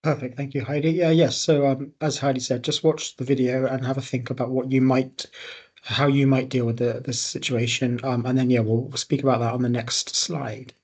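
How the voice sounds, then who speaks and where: A man's voice: mid-range voice, flat delivery, moderate pace, a little mellow, breathy edge. Hesitant man hosting a webinar. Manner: hesitant, many fillers. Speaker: webinar co-presenter. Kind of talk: online training presentation.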